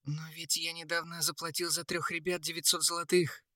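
Man voicing a gentle young prince, quiet, a little higher, peacemaker. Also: little pitch movement, a little fast, no echo, studio quality. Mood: mild. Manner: soft, mild. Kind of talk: audiobook character voice.

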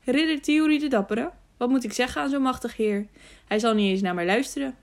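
A woman's voice: a little high, brisk, natural voice. Young peasant woodcutter boy played by a woman reader, wary, doubtful, a bit cheeky. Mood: reluctant. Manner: surprised, doubtful, teasing. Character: cheerful peasant boy, wary then teasing.

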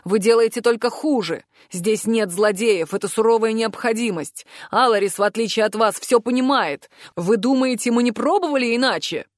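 A woman voicing a stern male academy director who speaks in a calm, hard, measured way. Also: on the high side, dry recording, clean studio sound, close to an everyday voice.

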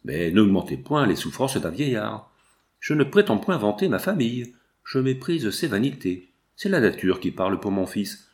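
A man's voice: on the low side, sing-song, moderate pace, darkish tone. A man reading the part of an elderly monk who pleads passionately for his son's life. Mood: humble. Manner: impassioned, pleading. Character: old monk and father pleading for his son. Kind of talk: audiobook character reading.

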